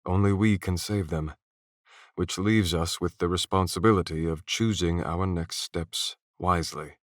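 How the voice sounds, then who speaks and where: Narrator plays a solemn knight leader, deep, soft, resolved, dry close sound. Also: male voice, fairly even intonation, a little slow, no room sound. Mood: resolute.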